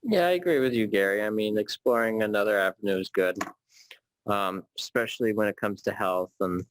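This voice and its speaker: Man, board member, lowish voice, hesitant, dry sound. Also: fairly quick, no echo. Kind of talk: meeting discussion.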